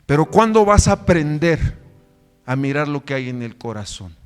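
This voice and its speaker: A man pastor preaching a sermon with fervent rhetorical questions, swinging between loud emphatic lines and quiet low ones. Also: very animated, moderate pace, clear, resonant tone.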